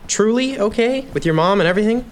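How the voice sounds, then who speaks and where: A man's voice: high-pitched, expressive, fast talker. A young man acts an earnest teenage boy who speaks to reassure his friends. The drama delivery is natural and everyday. Faint ambient noise runs behind him.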